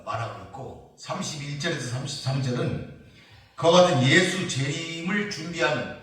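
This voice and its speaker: A man's voice: medium pitch, fairly bright tone. A man preaching a sermon as pastor, explaining scripture passage by passage and voicing his listeners' mocking questions. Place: prayer retreat church. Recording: very echoey church hall, mic at a distance.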